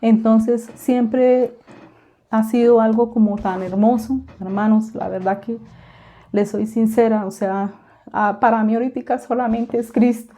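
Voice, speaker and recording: A woman's voice: a little high, fairly even intonation, unhurried, dark tone. A woman giving a fervent religious testimony to a congregation, repeating herself often and calling her listeners brothers.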